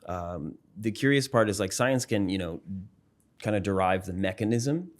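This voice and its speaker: A man with a very low voice talks through ideas as a guest in a casual interview. He is thoughtful and circles back on himself, full of fillers and restarts. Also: lively intonation, moderate pace. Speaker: psychology professor and musician, interview guest. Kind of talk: casual explanatory interview talk.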